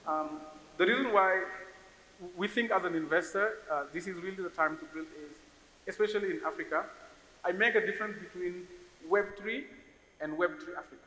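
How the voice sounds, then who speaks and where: His voice is high, bright and forceful, and he speaks fairly quickly. This Senegalese investor in his forties sits on a conference panel on a large hall stage, thoughtfully repeating words as he looks for the next phrase. A stand-mounted stage mic picks him up amid roomy hall reverb and faint hiss.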